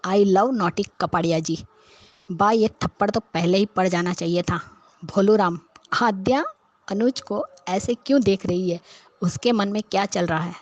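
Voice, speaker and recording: Woman, viewer recap of a serial, opinionated, dry close sound, mid-pitched. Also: measured pace, darkish tone, no room sound, muffled recording. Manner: outspoken, scolding the characters. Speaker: viewer reviewing a TV serial episode. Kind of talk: casual episode recap and commentary.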